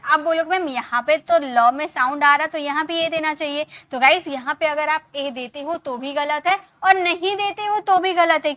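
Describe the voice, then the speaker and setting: High, bright-voiced woman teaching slowly. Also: no echo. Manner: patient, repetitive explaining with many rhetorical questions. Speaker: English teacher. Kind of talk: classroom lesson.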